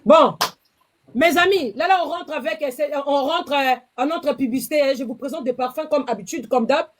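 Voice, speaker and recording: A woman, hosting a live-stream sales pitch from her phone, chatty and repetitive, pleading with viewers. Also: a little fast. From DR Congo.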